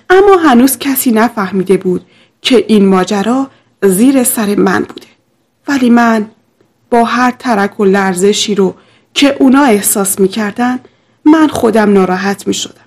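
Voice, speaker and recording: A woman narrating a scripted first-person story in a steady, confessional way. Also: medium pitch.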